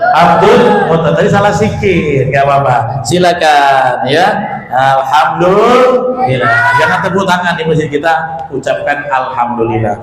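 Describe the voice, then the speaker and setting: A man's voice: on the high side, animated, normal speed, heavy background noise. A man preaching, running a joking quiz with the congregation and teasing and calling out to the crowd in a mosque hall. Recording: echoey hall, faint room ambience.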